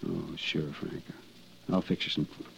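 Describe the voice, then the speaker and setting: An actor playing a nervous, hedging lawyer with a husky voice who hesitates and wavers, in old-time radio drama style. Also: male voice, very deep voice, fairly even intonation, unhurried, heavily acted. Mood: worried. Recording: dull lo-fi old radio recording.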